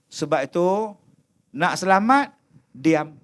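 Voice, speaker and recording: Malaysian male preacher, high voice, humorous sermon full of mimicry. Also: slow. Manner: animated, mimics people in comic asides. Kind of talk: humorous religious lecture.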